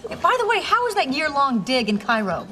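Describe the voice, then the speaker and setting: A woman's voice: high-pitched, very animated, brisk, heavy background noise. An actress playing a teasing young woman friend in a sitcom, sarcastic and playful.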